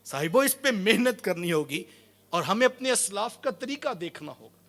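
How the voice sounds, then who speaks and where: A man preaching a sermon, telling stories with quoted voices and swinging between loud and soft passages. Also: high voice, lively intonation. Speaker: Islamic preacher.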